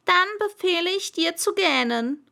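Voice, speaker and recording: A woman's voice: extremely high pitch, animated, unhurried, gravelly, bright, forceful tone, pitched above the performer's own voice, heavily acted. A woman doing a pompous old king. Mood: commanding. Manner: pompous commanding declarations. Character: proud old male king, stern but kindly.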